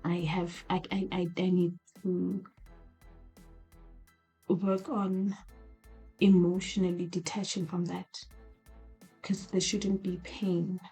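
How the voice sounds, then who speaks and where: Low, hushed woman whispering a diary vlog. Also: flat delivery, slow pace, long pauses, breathy edge, faint music behind. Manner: candid, rambling with restarts. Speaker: video diarist. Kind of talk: late-night diary vlog. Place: small apartment at night.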